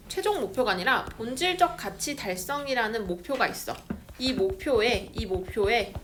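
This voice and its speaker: A young woman teacher giving a lively, chatty classroom lecture and acting out little scenes with students. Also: a little high. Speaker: Korean literature teacher. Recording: noisy room recording.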